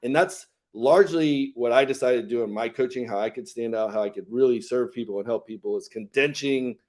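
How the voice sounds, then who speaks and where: A man's voice: mid-range voice, darkish tone. This is a man in his fifties who co-hosts a live health show as a coach. He talks earnestly, stopping often on "and, uh" before going on. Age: 50s. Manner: earnest, pausing often with "and, uh" fillers. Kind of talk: live show talk and storytelling.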